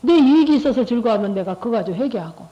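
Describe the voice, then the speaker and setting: A woman's voice: on the high side, expressive, racing, dark tone. Middle-aged woman testifying, dull lo-fi. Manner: conversational, repetitive, with rhetorical questions to listeners. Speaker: lay church speaker giving testimony. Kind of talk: testimony talk to a church group. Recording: dull lo-fi recording.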